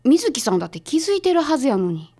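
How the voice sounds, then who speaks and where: A high-pitched, sing-song woman with a Kansai accent plays a brisk, sharp detective's assistant in a radio drama. She talks casually and decisively, sounding brisk and curious.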